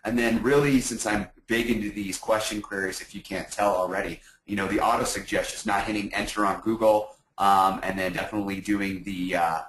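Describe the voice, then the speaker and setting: Deep-voiced man in an echoey room. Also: steady tone, fairly quick, few pauses, a bit bright. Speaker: panelist. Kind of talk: casual expert discussion.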